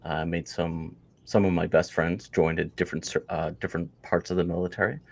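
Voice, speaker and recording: A Canadian man in his forties speaks as a podcast guest, his voice sitting very low. He rambles casually, circling back with fillers and restarts as he tells his story. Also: little pitch movement, brisk, creaky. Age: 40s. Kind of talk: casual interview chat.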